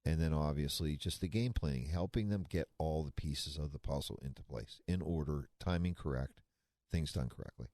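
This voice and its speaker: Very low-voiced folksy man in his sixties. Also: normal speed, warm tone, no echo, clean studio sound. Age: 60s. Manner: chatty, folksy, rambling with asides. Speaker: financial radio show co-host. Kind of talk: casual talk radio chat.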